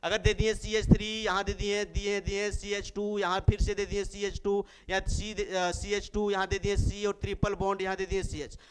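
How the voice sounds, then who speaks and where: A man's voice: high-pitched, little pitch movement, normal speed, few pauses, slight background noise. A man teaching chemistry in a lecture, playful and affectionate with his students, counting carbons aloud and acting out their replies. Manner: playful, affectionate, calls students babu and munna; acts out students' replies in a sweet voice. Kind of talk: classroom lecture.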